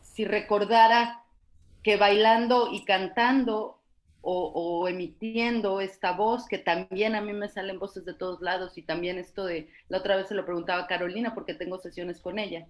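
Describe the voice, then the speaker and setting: A woman's voice: mid-range voice, steady tone, normal speed. A woman with a Mexican accent, a panel guest, talking in a thoughtful, searching way with many fillers over a video call. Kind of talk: reflective casual talk.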